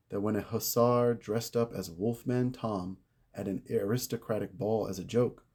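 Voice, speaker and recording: A low-pitched man with a warm, mellow voice reads a story aloud. He tells it with measured drama and lingers on key words. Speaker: reader of a saint's life. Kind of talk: read-aloud narration.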